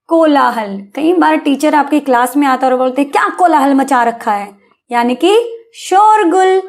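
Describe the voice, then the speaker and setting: High-voiced woman teaching young kids. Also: vocal fry. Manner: coaxing, calls listeners beta, asks "hai na?"; spells words out slowly. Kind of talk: Hindi vocabulary lesson for children.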